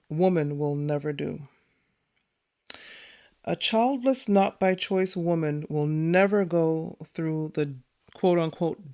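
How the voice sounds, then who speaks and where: A woman hosting her own podcast, talking excitedly and chattily, laughing often, with many fillers. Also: fairly low pitch. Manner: many fillers, reads from notes. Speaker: podcast host. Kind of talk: solo podcast monologue.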